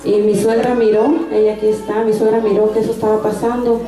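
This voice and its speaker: A woman's voice: fairly high pitch, little pitch movement, fast talker. Earnest woman testifying in an echoey hall. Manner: earnest storytelling with frequent restarts. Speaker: church member giving a testimony. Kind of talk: personal faith testimony in Spanish. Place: church service hall. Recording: echoey room sound.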